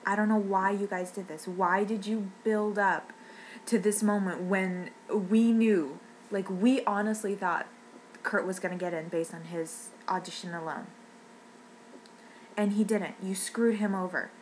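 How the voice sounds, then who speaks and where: A woman's voice: mid-range voice, fairly even intonation, measured pace, slight background noise, low-quality recording. A woman ranting in an upset, rambling way, near tears and often restarting her sentences. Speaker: fan vlogger. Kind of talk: emotional rant.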